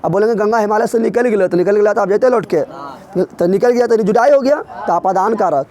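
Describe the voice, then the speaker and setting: A man teaching a grammar revision lesson in a classroom, drilling his students with quick repeated questions. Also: high-pitched, a little mellow.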